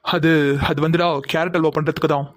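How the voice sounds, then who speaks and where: A man's voice: on the high side, little pitch movement, fairly quick, lightly acted. A man voicing a group of young men who banter and complain while cooking in a cartoon. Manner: joking, whiny complaints.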